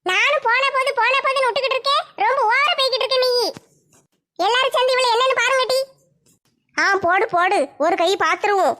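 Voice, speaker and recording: A woman's voice: extremely high pitch, fairly quick, bright, forceful tone. A woman voicing a fierce village woman who taunts and threatens a rival. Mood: menacing. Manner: threatening, taunting, vicious relish. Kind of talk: one-woman comic skit.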